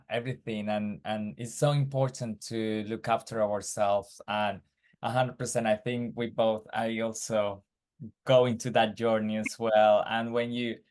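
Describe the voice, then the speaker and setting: A man hosting a podcast, talking in a casual way and thanking and praising his guest. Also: on the low side. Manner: warm, effusive thanks and praise. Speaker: podcast host. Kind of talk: casual interview.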